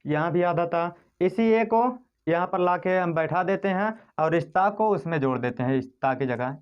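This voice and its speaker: A man's voice: sits high, clean tone, lo-fi sound. A male teacher giving a step-by-step grammar lesson, asking his students questions and then answering them himself. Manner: repetitive, step-by-step explaining. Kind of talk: classroom-style grammar lesson.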